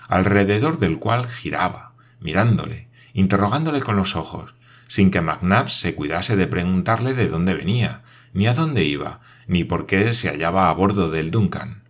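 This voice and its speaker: Deep-voiced male audiobook narrator. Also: expressive, moderate pace, breathy edge.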